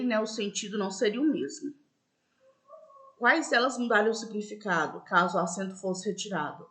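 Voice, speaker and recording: A woman teacher gives a school lesson in a patient, repetitive way, often checking in with "né?" and slowing down to stress example words. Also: medium pitch, fairly bright tone. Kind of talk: school lesson explaining accents.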